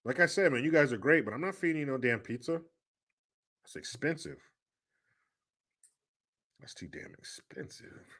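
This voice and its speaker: A man's voice: mid-range voice, big pitch swings, moderate pace, long pauses, fairly bright tone. A man hosting a casual live stream, bantering loosely with viewers and swearing freely. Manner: laid-back, profane banter.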